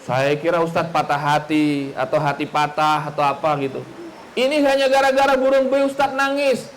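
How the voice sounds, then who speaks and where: A man's voice: fairly high pitch, moderate pace, pitched below the performer's own voice, natural voice, poor audio. A man voicing an earnest young male student who eagerly reassures his teacher. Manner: reassuring, promising gifts.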